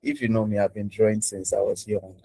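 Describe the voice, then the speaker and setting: A man's voice: fairly low pitch, fairly even intonation, a little fast, vocal fry, dark tone, breathy edge, no echo, rough recording. A man hosting a casual interview over a video call, chatty and repeating himself with many fillers. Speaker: host.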